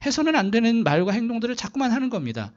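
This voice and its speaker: A man's voice: very high voice, big pitch swings, rapid-fire, highs cut off. A male pastor preaching a sermon, asking the congregation questions and telling a story to illustrate his point. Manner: asks the congregation rhetorical questions.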